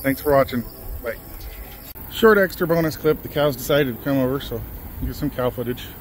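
A man's voice: mid-range voice, a little fast. Laid back guy narrating his ranch chores outside, chatty, lots of ums, faint background hiss. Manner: relaxed, rambling, lots of fillers. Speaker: vlog host filming his farm. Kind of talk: casual chat while doing chores. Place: outdoors on a ranch among chickens and cows.

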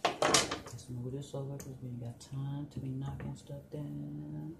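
A woman's voice: a bass voice, flat delivery, measured pace, gravelly. A woman in her home kitchen chatting casually as she walks viewers through each step of a recipe. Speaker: cooking vlogger. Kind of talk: casual cooking tutorial. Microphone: camera on the counter. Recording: noisy home video.

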